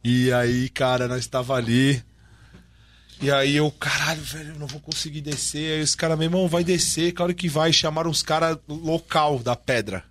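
Man, casual storytelling, animated, slangy, bright voice. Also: on the high side, moderate pace. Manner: animated, slangy, acts out dialogue.

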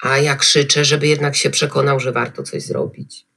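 Husky, gravelly-voiced woman guest. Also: very deep voice, fairly even intonation, moderate pace, sharp tone. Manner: emotional, hesitant with many fillers. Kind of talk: podcast interview.

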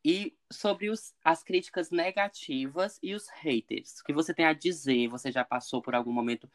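A man's voice: on the high side, normal speed. A man interviewing a guest, asking leading questions and agreeing often. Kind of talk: casual interview talk.

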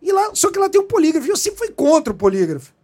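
A man's voice: very high-pitched, sing-song, very fast, dark tone. A middle-aged man from Brazil, a police chief, telling a story as an interview guest in a profane, emphatic way. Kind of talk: animated storytelling in a podcast interview.

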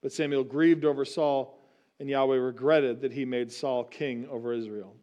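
A man's voice: mid-range voice, fairly even intonation, moderate pace, mellow, lo-fi sound. A man preaching a casual, conversational sermon, often tossing in rhetorical asides.

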